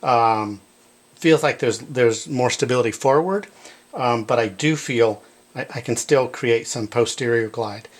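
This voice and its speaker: A man who works as a manual physical therapist calmly walks through each step of a clinical demonstration in a treatment room, talking gently to his patient. His voice is medium in pitch and a little slow, and the audio quality is poor.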